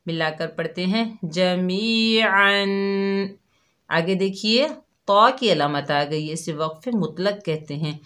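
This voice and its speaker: Slow, patient woman tajweed teacher. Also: on the low side, fairly bright tone. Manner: patient, spells out each syllable and repeats it. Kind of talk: slow step-by-step recitation lesson.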